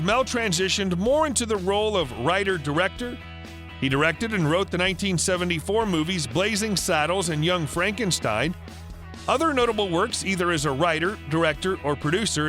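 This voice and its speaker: Bright, high-voiced male narrator. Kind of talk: scripted biographical narration.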